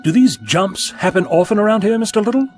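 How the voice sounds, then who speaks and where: A man's voice: sits high, animated, fairly quick, a little mellow, faint music behind. A man playing an eccentric, flippant time-travelling doctor in an audio drama, theatrical and playfully sarcastic. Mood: wry, assured.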